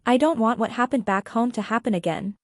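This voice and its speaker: A woman narrates an audiobook in an even, matter-of-fact way. Her voice sits fairly high and the recording is close and dry, with no room around it. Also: a little fast, no room sound.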